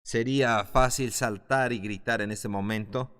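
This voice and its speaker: A man teaching a Bible class in a fervent preaching style, building to loud exclamations. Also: mid-range voice, steady tone, a little slow, smooth. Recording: long hall reverb.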